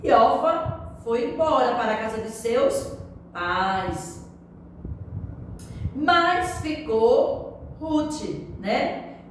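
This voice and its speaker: A woman with a Brazilian Portuguese accent, teaching a Bible story to young children in a slow, sing-song way, often turning to the child with drawn-out tag questions. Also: a little high, expressive. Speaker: Sunday school teacher. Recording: echoey room, far from mic, faint background noise.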